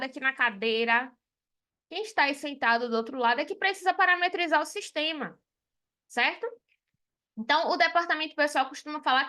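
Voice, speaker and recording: This high, sharp-toned woman's voice belongs to a Salvador-born accountant in Bahia, Brazil, who runs a live payroll class. She talks candidly and chattily with her students, often tacking questions onto the ends of her sentences.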